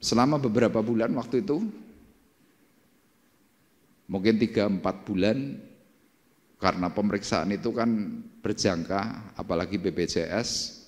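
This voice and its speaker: A middle-aged pastor preaches in a fairly low voice. He tells his stories animatedly and acts out the dialogue. His voice rings out with the long reverb of a church hall. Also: moderate pace, long pauses. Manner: animated storytelling, acting out dialogue. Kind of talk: sermon.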